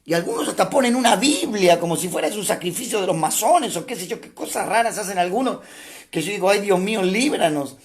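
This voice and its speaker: Man, pastor, high-pitched voice, conversational sermon, slow stressed scripture reading. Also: animated. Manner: conversational preaching, acts out doubting churchgoers; reads scripture slowly and stresses key words. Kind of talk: sermon streamed live online.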